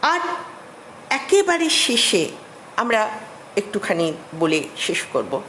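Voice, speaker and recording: A middle-aged woman giving an academic lecture as a literature professor, measured and explanatory, with emphatic rises. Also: medium pitch, big pitch swings, fairly bright tone, a little hiss or hum, low-quality recording.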